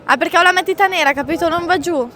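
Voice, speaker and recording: A woman's voice: extremely high pitch, fast talker, a bit bright. A teenage young woman bantering casually outdoors in the street, boastful and playful. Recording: outdoor street, faint crowd.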